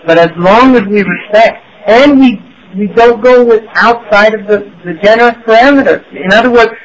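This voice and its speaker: Here the US Islamic teacher's voice sits high and moves at normal speed as he lectures listeners on religion. Rhetorical questions and "right?" check-ins run through the talk, which comes through on poor audio.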